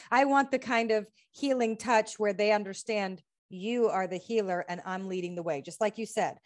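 A woman from the US, an author and healing practitioner, is interviewed conversationally and answers earnestly at a medium pitch and moderate pace. She reels off lists of questions, laughing a lot along the way.

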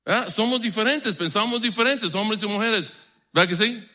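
A middle-aged man delivers a sermon in a relaxed, conversational manner. His voice sits high and rings bright, and he keeps turning to the congregation with rhetorical questions. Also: moderate pace. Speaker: pastor.

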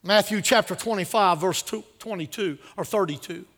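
At a moderate pace, a man preaches a sermon in a high, forceful voice, relying on repetition for emphasis. Quieter asides alternate with loud, urgent declarations aimed at his congregation.

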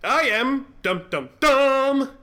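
A man's voice: sits high, very animated, normal speed, bright, forceful tone, exaggerated voice. A man playing a cowardly, pompous, scatterbrained detective in an old-style radio drama, fussy and theatrical. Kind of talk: 1940s radio acting.

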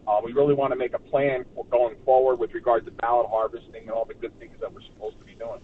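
A man chatting casually as a radio guest in a halting way, repeating words. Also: medium pitch, level tone. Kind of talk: casual interview chat. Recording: tinny distant phone line with noise.

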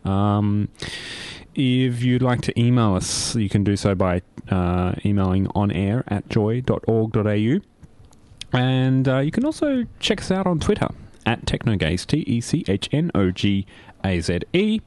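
A man's voice: lowish voice, expressive, a little slow, darkish tone, dry recording. A man hosting a casual tech radio show in a studio, chatty and hesitant with many fillers. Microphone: studio mic.

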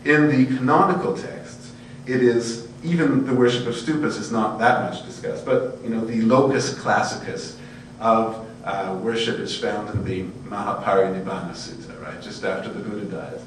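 A man's voice: lowish voice, normal speed. A man giving an informal academic lecture in an erudite, discursive way, often checking in with his listeners. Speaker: lecturer in Buddhist studies. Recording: very echoey, distant microphone, faint hum and noise.

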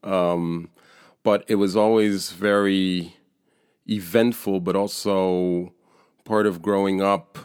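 A man's voice: low voice, fairly even intonation, takes it slowly, a little mellow, smooth, no echo, clean studio sound. A man in his forties from France, a painter being interviewed, talking in a hesitant, thoughtful way with many fillers. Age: 40s. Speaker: guest painter. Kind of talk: casual interview.

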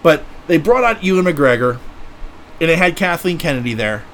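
A fairly high-voiced man hosting a podcast, rambling in an excitable way and swearing freely. He piles on "like" and "you know" as he talks, with faint ambient hiss underneath. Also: moderate pace. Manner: excitable, profane fan talk with many fillers. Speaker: podcast host. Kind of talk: casual chat.

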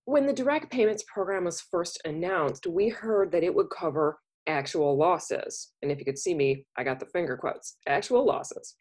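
Husky-voiced woman hosting a podcast. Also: on the low side, moderate pace, few pauses, darkish tone. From Minnesota, USA. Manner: chatty, with frequent fillers and restarts. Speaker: podcast host. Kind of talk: casual podcast interview.

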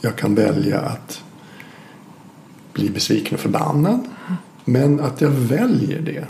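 A man's voice: mid-range voice, big pitch swings, gravelly, mellow, slight background noise. A man talking reflectively in a conversation, thoughtful and hesitant, often restarting his sentences. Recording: echoey room with faint ambience.

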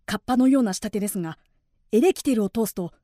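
A woman's voice: on the high side, lively intonation, fast talker, dark tone, no echo, studio quality, close to an everyday voice. A woman playing a fiery young samurai. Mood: polite. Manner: bold, declamatory, turning polite to superiors. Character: earnest young male samurai seeking revenge. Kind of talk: audio drama acting.

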